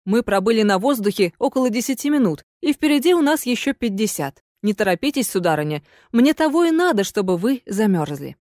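A woman narrator voices a young gentleman who stays calm and courteous while he speaks coldly. Her delivery keeps him measured and unhurried. The recording is dry and close. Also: on the high side, no room sound. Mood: coldly mocking. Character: cool, polite, scheming young gentleman. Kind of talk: audiobook character voice.

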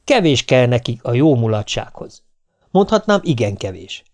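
A man reading a humorous first-person audiobook, telling the story in a wry, animated way. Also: medium pitch. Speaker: audiobook narrator.

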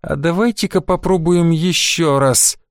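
A man's voice: fairly high pitch, measured pace, clean tone, no echo, studio quality, voice pushed up, close to an everyday voice. Narrator voicing a curt, sardonic male sorcerer; stern, audiobook. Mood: coaxing. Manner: curt, then coaxing.

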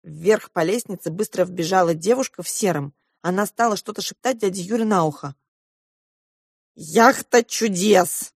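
A woman narrating a children's story in the first person, calm and steady. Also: fairly low pitch, brisk, hardly any pauses, husky, no echo, studio quality. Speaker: audiobook reader.

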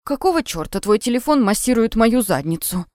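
A woman's voice: fairly high pitch, big pitch swings, brisk, darkish tone, no room sound, studio quality. A woman voicing a hungover, crude bald man who groans and swears, in an audiobook reading. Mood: irritated.

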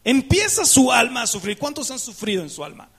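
High-voiced pastor preaching. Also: male voice, very animated, brisk, fairly bright tone, slightly rough. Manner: asks the congregation questions, rhetorical and emphatic; acts out dialogues with God in prayer. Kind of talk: sermon.

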